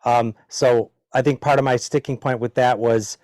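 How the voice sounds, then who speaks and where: Male participant, mid-pitched, rambling and self-deprecating, dry close audio. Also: steady tone, moderate pace, a little mellow, dry recording. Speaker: seminar participant. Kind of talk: casual discussion. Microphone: video call.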